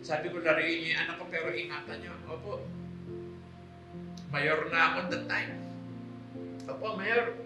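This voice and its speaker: A man's voice: fairly high pitch, fairly even intonation, normal speed, long pauses. A middle-aged man giving an earnest, emotional religious testimony to a congregation, speaking politely to his listeners. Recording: echoey hall with music, from far off. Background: soft instrumental music.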